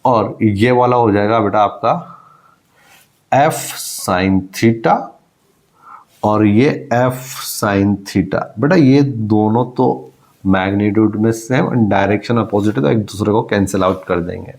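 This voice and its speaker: A man's voice: lowish voice, slow, darkish tone. A man teaching a physics lecture, working through a problem step by step and calling his students "child" as he goes, with English math terms mixed into his speech. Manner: repeats key phrases for emphasis. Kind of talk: exam-prep blackboard lecture.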